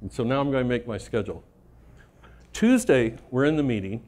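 A man's voice: medium pitch, lively intonation, fairly quick, darkish tone. Middle-aged man telling profane war stories. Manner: casual, profane, laughs at his own stories, keeps tagging "right?". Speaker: conference speaker. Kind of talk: storytelling talk to a live audience.

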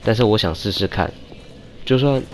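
Excitable man playing a game. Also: on the low side, moderate pace, background noise. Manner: excitable, shouts and groans at deaths, teasing banter with enemies. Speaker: gaming YouTuber. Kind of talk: casual let's-play commentary. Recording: game music playing behind.

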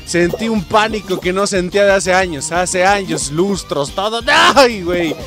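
A young Mexican man giving loud, profane, excited commentary over his own gameplay, often yelping and laughing. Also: high-pitched, normal speed. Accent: Mexican Spanish. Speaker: gaming YouTuber. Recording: game music behind.

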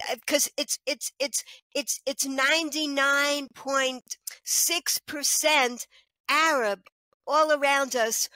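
A middle-aged woman, a children's author appearing as a guest, chats animatedly on a video call from a small room at home using a headset mic. Her voice sits high and she takes it slowly, gesturing a lot and often saying "you know." The recording is dry.

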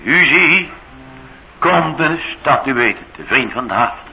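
Slow, lively Dutch preacher, lo-fi. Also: male voice, medium pitch, creaky, a little hiss or hum. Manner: dramatic preaching, acting out biblical speech. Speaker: pastor. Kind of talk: sermon. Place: church.

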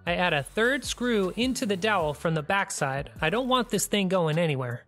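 Calm, practical DIY tutorial narrator. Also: medium pitch, moderate pace, soft background music. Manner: plain, practical step-by-step explaining. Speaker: DIY channel host. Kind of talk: scripted tutorial voice-over.

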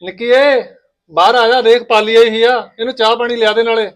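Man as a fast-talking husband caught in the middle. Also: very high voice, flat delivery. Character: village husband caught between wife and sister. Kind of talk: family skit acting.

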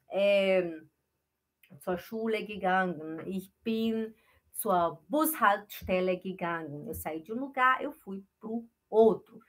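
A woman teaching German in a live online lesson, switching between quick chatty explanation and slow, careful drills, acting out small dialogues with her students. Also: medium pitch, sharp tone. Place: home.

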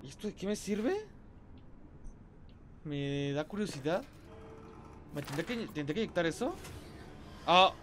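A man's voice: fairly high pitch, animated, measured pace, pauses often, fairly bright tone, a little hiss or hum. Jumpy Mexican guy playing horror. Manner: jumpy, yelps and rambles nervously to himself. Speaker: gaming streamer. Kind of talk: horror game let's play.

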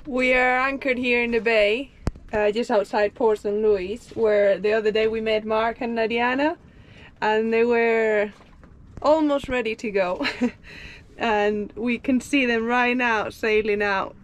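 Unhurried, cheerful woman on a boat. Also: fairly high pitch, steady tone. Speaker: sailing vlogger. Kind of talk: casual vlog narration. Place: outdoors on a small boat and in a small cabin. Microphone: action camera at arm's length. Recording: clear wind and water noise.

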